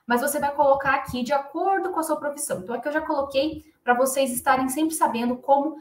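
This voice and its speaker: A woman's voice: high-pitched, fast talker, echoey room. A woman with a Brazilian Portuguese accent, an English teacher explaining phrases in a chatty way that keeps checking in with the learners.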